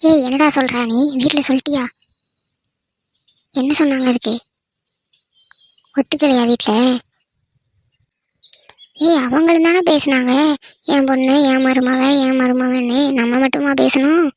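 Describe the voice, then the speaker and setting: A high, flat-toned young village woman in love, voiced by a woman in a cartoon. She presses again and again with pleading questions, her voice staying level and insistent. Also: unhurried, long pauses. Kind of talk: cartoon voice acting.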